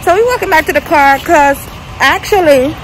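A woman's voice: high voice, normal speed. A young woman vlogging on a phone at arm's length, chatting and joking to the camera as she walks through an outdoor plaza. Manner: chatty, joking, talks to camera while walking. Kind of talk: casual vlog chat. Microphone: phone held at arm's length. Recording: noisy outdoor phone recording.

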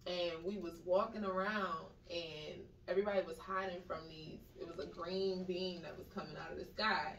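Animated woman telling stories in an echoey room. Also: lowish voice, moderate pace, few pauses, a little hiss or hum. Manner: animated storyteller, acts out quoted voices. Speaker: podcast co-host. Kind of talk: casual storytelling chat. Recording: echoey room, mic at a distance.

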